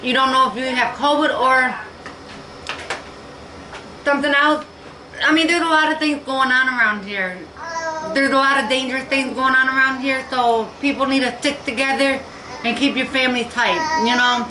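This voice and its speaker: A woman's voice: high voice, steady tone, sharp tone. Tearful woman in an echoey room. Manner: halting, tearful, repeating herself. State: near tears. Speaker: vlogger. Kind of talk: emotional personal vlog. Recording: echoey room with faint noise.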